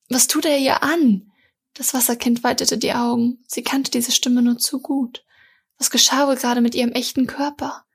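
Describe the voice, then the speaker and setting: A woman reads a fantasy story aloud in a fairly high, breathy voice. Her delivery is calm and even, keeping a flat, steady melody from line to line. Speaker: audiobook reader.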